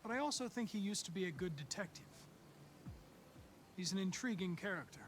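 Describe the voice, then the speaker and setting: An actor playing a polite, composed android detective who speaks in an even, formal way, heard through game audio with ambient noise. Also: male voice, sits high, fairly quick.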